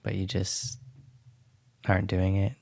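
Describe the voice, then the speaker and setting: A man's voice: deep voice, completely flat delivery, measured pace, gravelly, a little mellow. A man hosting a podcast interview, chatting casually and searching for his words with many fillers. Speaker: podcast host.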